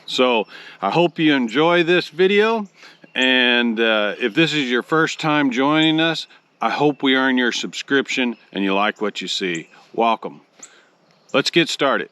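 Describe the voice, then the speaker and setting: A man from Oklahoma hosting a casual review, explaining things in a measured, deliberate way. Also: mid-range voice, lively intonation, bright, forceful tone, clear, resonant tone, no echo. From Oklahoma, United States. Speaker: pipe tobacco review host.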